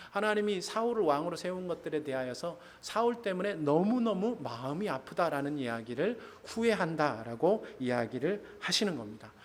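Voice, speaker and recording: A male pastor preaching to his congregation in church, often asking them questions. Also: fairly high pitch. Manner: addresses congregation with questions, laughs. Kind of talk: sermon.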